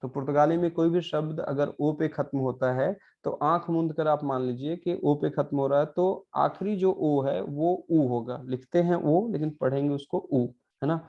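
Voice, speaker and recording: A man's voice: fairly high pitch, lo-fi sound. A man teaching a pronunciation lesson, patient and repetitive, often checking in with his students. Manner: patient, repeats words slowly and adds frequent "है ना" checks. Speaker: Portuguese language teacher.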